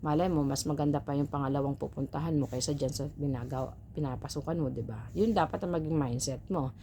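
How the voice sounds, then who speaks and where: A woman's voice: low-pitched, steady tone, fast, mellow, a little hiss or hum. A woman who works as a domestic helper, chatting to her viewers as she tells a story and gives advice, often asking "right?". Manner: chatty, advice-giving, rhetorical "right?" tags.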